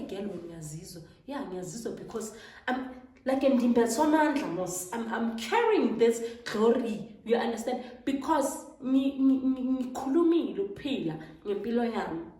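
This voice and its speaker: A woman's voice: a little high, darkish tone, roomy sound, recorded from a distance, poor audio. A young South African woman giving an emphatic, preachy motivational talk and switching between English and Zulu phrases. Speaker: motivational vlogger.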